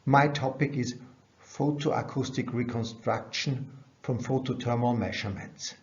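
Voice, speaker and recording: Unhurried and dull-sounding, a middle-aged researcher gives a slide-based scientific lecture at a conference. His voice is medium in pitch, and the recording is dull, band-limited webcam audio.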